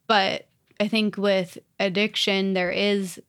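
A young woman co-hosting a podcast in relaxed conversation. She thinks aloud and is chatty and reflective, filling pauses with "like" and "um". Her voice sits at an ordinary middle pitch. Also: clean tone. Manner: chatty, reflective, many fillers. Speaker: podcast co-host. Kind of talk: casual conversation.

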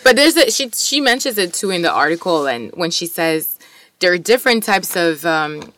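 A woman's voice: fairly low pitch, expressive, normal speed, a bit bright, dry recording. A woman whose first language is French, co-hosting a casual, enthusiastic discussion of articles and poetry.

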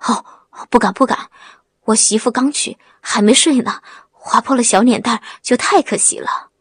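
A woman's voice: on the high side, moderate pace, breathy edge, dry recording. A woman voicing a sly young village man who pretends to be timid and simple, stammering meekly. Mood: pleading. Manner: timid stammering act, cold when angry. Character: young village man playing dumb, secretly cunning.

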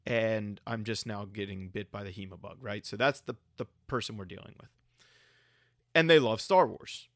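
A man co-hosting a podcast, laying out an example step by step in a casual way with frequent pauses. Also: fairly low pitch, a bit bright, dry recording, clean studio sound. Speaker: podcast co-host.

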